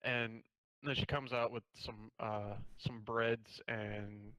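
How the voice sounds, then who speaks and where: A man's voice: fairly low pitch, little pitch movement, takes it slowly, pushed and bright, no room sound, poor audio. A man running a tabletop game as game master, narrating in a loose, rambling, sweary way.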